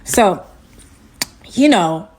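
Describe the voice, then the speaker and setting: A woman telling a personal story to her viewers in a casual storytime vlog, animated and chatty, calling them y'all and saying "like" often. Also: mid-range voice, very slow, slight background noise. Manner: animated, addresses viewers as y'all, heavy use of "like".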